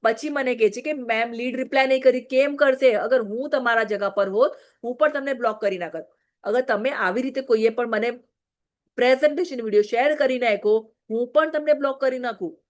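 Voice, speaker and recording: A woman's voice: fairly high pitch, brisk. A married woman giving a direct, scolding training talk to her business team, often checking "okay?". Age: adult, married.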